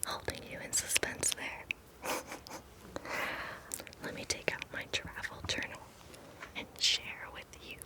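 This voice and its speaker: Slow-whispering woman doing ASMR. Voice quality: soft unvoiced whisper. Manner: very slow, drawn-out, repeats words for tingles. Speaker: ASMR performer.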